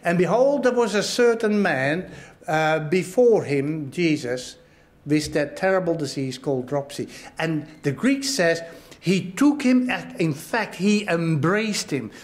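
A man's voice: a little high, animated, unhurried. A pastor preaching a sermon, earnest, often repeating phrases and asking his listeners if they understand. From Australia. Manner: earnest, repeats phrases, asks the congregation questions.

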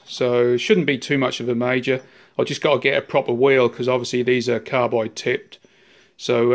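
A man in his fifties with a New Zealand accent walks through his large, cluttered workshop, filming on a handheld phone. He talks in a relaxed, rambling way full of fillers, his voice staying fairly flat and even. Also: mid-range voice. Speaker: workshop owner. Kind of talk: casual workshop tour. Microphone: handheld phone camera.

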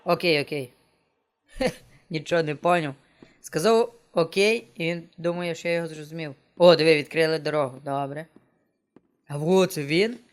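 A man's voice: on the high side, normal speed, clear, resonant tone. A man streaming a game and chatting casually to himself, joking as he plays. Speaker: gameplay streamer. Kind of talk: casual let's-play commentary. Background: game music.

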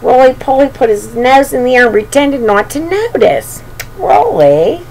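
An older woman with a high, slightly mellow voice and some vocal fry reads a storybook aloud at a moderate pace, chatting affectionately with small children. She's in a small bedroom, recorded by a webcam at arm's length, and the home recording is noisy.

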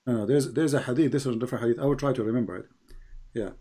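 Debating a caller, this host, a native Arabic speaker, is emphatic and repeats phrases for stress, climbing high in pitch when pressing his questions. His mellow voice races along.

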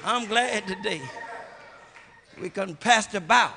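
A middle-aged man preaching a call-and-response sermon as bishop, chanting short phrases that rise to shouts. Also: sits high, slow pace, creaky. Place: large church sanctuary with congregation. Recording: music and crowd noise from a church service.

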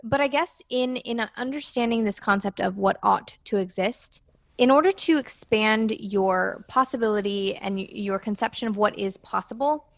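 A woman's voice: mid-range voice, normal speed, gravelly, no echo. Curious woman interviewer. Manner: curious, reflective questioning. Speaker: podcast host. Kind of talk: conversational interviewing.

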